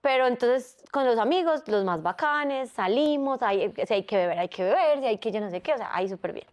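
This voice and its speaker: A woman's voice: a little high, animated, fairly quick. A woman, a psychologist co-hosting a casual interview, who talks animatedly and acts out the people she quotes. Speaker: psychologist, podcast co-host.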